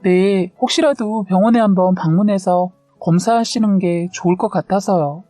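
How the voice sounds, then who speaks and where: A woman's voice: mid-range voice, normal speed, dark tone, no echo, faint music behind, lightly acted. A woman reading a polite daycare teacher. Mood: concerned. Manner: careful, polite, hesitant.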